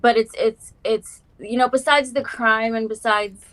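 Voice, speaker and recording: A woman's voice: on the high side, fairly even intonation, unhurried. A young adult woman from South Africa chatting casually as a guest, with lots of "like" and "um". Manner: chatty, warm fillers, many "like" and "um". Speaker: guest musician. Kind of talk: casual interview chat.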